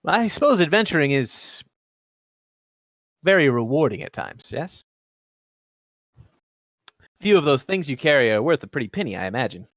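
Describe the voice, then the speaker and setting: A man's voice: fairly high pitch, sing-song, moderate pace, long pauses, a bit bright, no echo. A man playing a dry, probing ship captain. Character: worldly male ship captain, curious and dry. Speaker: game master. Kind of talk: tabletop role-play.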